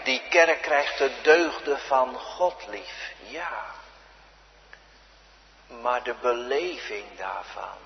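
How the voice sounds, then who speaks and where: A pastor preaching a sermon, swinging between loud cries and hushed near-whispers. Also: male voice, mid-range voice, expressive, drawn-out words, vocal fry, pauses often. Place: church. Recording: dull lo-fi sound with long church reverb.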